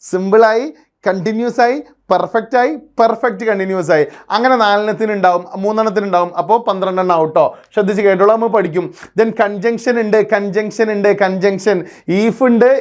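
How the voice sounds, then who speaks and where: An English teacher with a high voice gives an exam-prep lecture, quizzing his class with rhetorical questions. He mixes English terms into his Malayalam.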